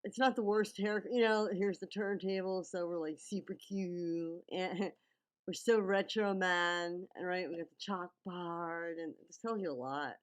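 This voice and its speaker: A woman's voice: fairly low pitch, a little slow, clear, resonant tone. A woman giving casual, teacherly running commentary as she breaks down visuals, often checking in with the listener. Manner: teacherly, checks in with okay and right. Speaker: video commentator breaking down a music video.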